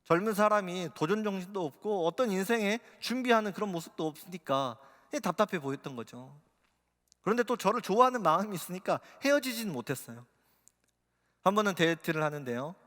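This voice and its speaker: A man's voice: high voice, animated, a little fast, fairly bright tone. A male pastor preaching a sermon, telling a personal story with growing emotional intensity. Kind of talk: sermon testimony. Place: church sanctuary. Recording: long reverb of a church hall.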